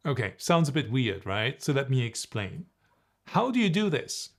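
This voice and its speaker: A man teaching on camera as a voice and presentation coach. His pitch swings widely as he talks, playful and animated, breaking off to demonstrate humming exercises. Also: moderate pace, creaky.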